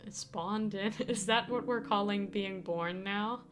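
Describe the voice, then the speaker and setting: Her medium-pitched voice stays unhurried as this young Danish-native streamer chats casually, giggling a lot and restarting sentences. Guitar music plays behind her on the live stream.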